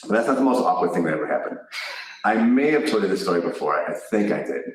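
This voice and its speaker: Deep-voiced man telling a story in an echoey room. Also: animated, quick pace, distant mic. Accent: Chicago. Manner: rambling, self-correcting anecdote with laughs. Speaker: yoga teacher and co-host. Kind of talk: casual storytelling chat.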